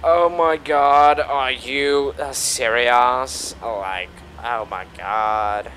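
Very slowly and in a steady, medium-pitched voice, a man rambles through commentary as host of a video game playthrough, with a little hiss or hum in the audio. He is foul-mouthed and theatrical, hamming things up and bursting into mock shouts.

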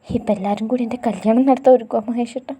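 A woman voicing a tearful young woman in love, soft and pleading. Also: a little high, steady tone, a little fast, breathy edge.

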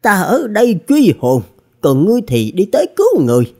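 A man voicing a stern old woman sorceress who speaks loudly and urgently, in an audiobook reading. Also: high-pitched, wildly swooping pitch, a little fast, voice pushed up, heavily acted. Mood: commanding.

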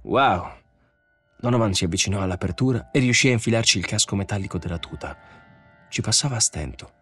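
A man reading a novel aloud as an audiobook narrator, in steady, measured storytelling. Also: lowish voice, slightly rough, soft background music. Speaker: audiobook reader. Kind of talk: scripted narration.

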